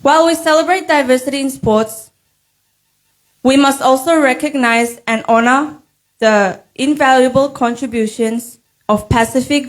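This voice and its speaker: A young woman from Nauru, giving a prepared formal speech as a pageant contestant in an earnest, measured way. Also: fairly high pitch, low-quality recording. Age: young adult.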